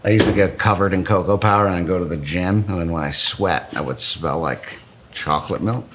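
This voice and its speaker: Joking low-voiced man hosting a cooking show. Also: fairly quick, noisy background. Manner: joking, crude, playful. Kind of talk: casual cooking demo with banter.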